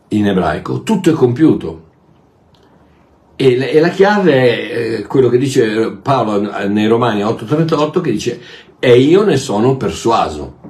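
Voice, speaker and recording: Impassioned male preacher, restarting words. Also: mid-range voice. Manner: impassioned, repeats and restarts words, rises to near shouts. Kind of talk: sermon.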